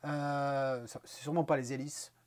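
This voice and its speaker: A man hosting a photo contest, giving casual critiques in an animated way, full of fillers and repeated words, with teasing, mock-angry scolding. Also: medium pitch, normal speed.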